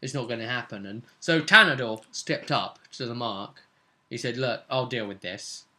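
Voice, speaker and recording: Retelling a tabletop RPG session, a game master chats in a storytelling style, often tacking on tag questions. His mid-range voice is bright and forceful, at a normal speed.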